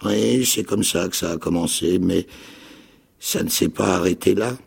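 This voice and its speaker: An actor playing a ragged, half-mad old marooned pirate with a raspy, creaking voice, pleading and eager in a dramatic radio reading of a novel. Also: male voice, a little slow, full character voice. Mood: eager rambling. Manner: high, pleading, eager voice with excited leaps.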